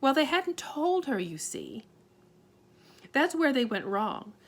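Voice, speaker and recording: A woman reading aloud and voicing a tiny, plain-spoken borrower father who talks in homely, ungrammatical phrases with calm reassurance. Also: sits high, takes it slowly, heavily acted. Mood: steady.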